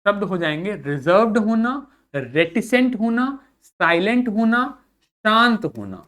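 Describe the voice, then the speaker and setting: A woman's voice: medium pitch, lively intonation, unhurried, a bit bright. A woman teacher giving a vocabulary class to school children. She repeats each point patiently, spells suffixes out letter by letter and reads words.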